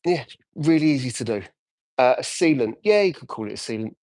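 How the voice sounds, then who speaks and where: A man's voice: medium pitch, expressive, a little fast, a little mellow, no room sound. A man live-streaming as he details a car, chatting casually and answering viewer comments as he works. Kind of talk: casual live-stream chat while working.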